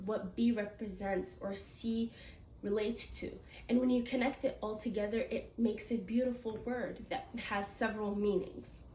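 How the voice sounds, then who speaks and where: A fairly high, slightly mellow voice belongs to a US teenage girl giving a prepared speech in class. She is earnest, with small slips and restarts, and the distant microphone picks up room echo and faint noise.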